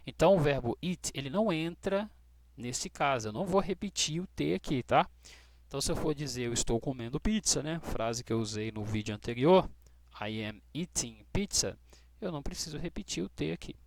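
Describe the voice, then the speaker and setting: A Brazilian man teaching English grammar to students, patient and checking in often with short questions, spelling out letters slowly. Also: a little high, animated, darkish tone, slight background noise. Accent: Brazilian Portuguese. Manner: spells out letters slowly, stressing key words. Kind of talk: explaining grammar rules to students.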